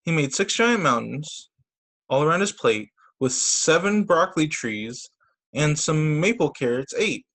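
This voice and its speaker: A man reads children's picture books over a video call like a story time teacher, using an expressive, sing-song tone and little side comments. He sounds a little high and talks a little slowly.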